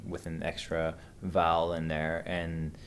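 A Venezuelan man in his thirties, guesting on a podcast, chats casually but hesitantly, full of fillers and restarts. His voice sits low and monotone, a little slow, with slight background noise.

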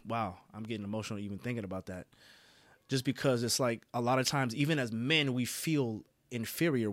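A man's voice: medium pitch, fairly bright tone, dry recording. A man hosting a podcast, giving an earnest motivational talk, often repeating himself and asking "you dig?". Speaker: podcast host.

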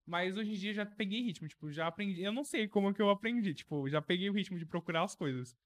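A man's voice: high voice, quick pace, a bit bright. An eighteen-year-old man with a Brazilian Portuguese accent, answering casually and plainly as a podcast guest. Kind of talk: casual interview chat.

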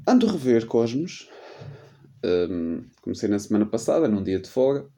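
A man's voice: fairly low pitch, big pitch swings, normal speed, mellow. A man in his late twenties with a European Portuguese accent, hosting a solo podcast in a rambling, slangy, self-deprecating storytelling manner while getting over a cold. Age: 20s. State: sick with a cold. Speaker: podcast host. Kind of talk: casual solo podcast chat.

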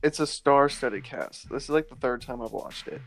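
A man's voice: medium pitch, normal speed, a bit bright, soft background music. A young man co-hosting a podcast in casual chat, hesitant and trailing off mid-thought. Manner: hesitant, trails off, laughs easily. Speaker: podcast co-host.

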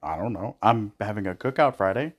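A man's voice: fairly low pitch, animated, fairly quick. A man co-hosting a casual podcast chat with his partner, sarcastic and swearing casually. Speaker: podcast co-host.

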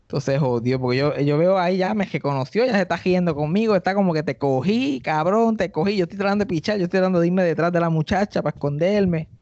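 This fast-talking stand-up and podcast host, speaking with a Puerto Rican accent, tells a casual comedic story and acts out its characters with high voices. His delivery is animated, and the podcast recording is dry and a little dull.

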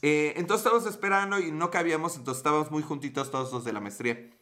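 Talking fast in a fairly high, bright and forceful voice, a young Mexican livestream host spins a meandering, slang-filled story while responding to chat and laughing a lot.

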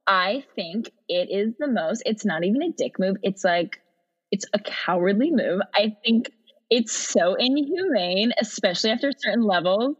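A woman's voice: mid-range voice, expressive, moderate pace, breathy edge. Woman going off on a rant, swears, kinda dull lo-fi audio. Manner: emphatic, ranting, swears casually. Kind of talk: casual chat. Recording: slightly dull lo-fi sound.

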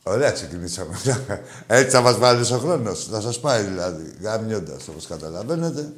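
A man hosting a call-in show, joking crudely with callers, swinging between loud mocking outbursts and low mutters. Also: lively intonation. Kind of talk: crude casual call-in banter.

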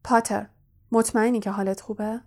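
A woman voicing a strict female school professor who speaks in a dry, brisk way in an audiobook. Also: medium pitch, little pitch movement, a little mellow, close to an everyday voice. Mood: stern.

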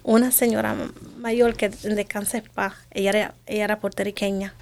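Earnest woman with halting restarts. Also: medium pitch, flat delivery, a little mellow. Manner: drops English words into her speech. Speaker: guest sharing her story. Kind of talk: personal testimony in conversation.

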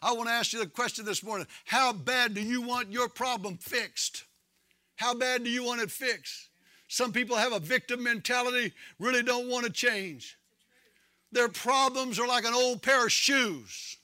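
A man preaching a sermon, impassioned and shouting at the peaks in a sing-song preaching cadence. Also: extremely high pitch, moderate pace, no echo, clean studio sound.

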